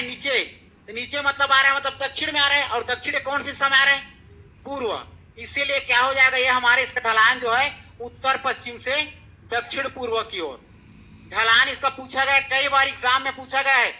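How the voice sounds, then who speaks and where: A man teaches an exam-prep lesson in a very high, piercing voice. He repeats each point, quizzes his listeners and checks in with them after every step. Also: bright, forceful tone, low-quality recording. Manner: repetitive, keeps asking students questions and checking with "theek hai". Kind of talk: exam-prep classroom lecture.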